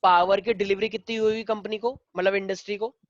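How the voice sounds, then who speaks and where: During an online problem-solving class, a male Hindi teacher quizzes his students, mixing Hindi and English as he drills them with questions. He talks fast in a high, level voice. The audio is dull but has no echo.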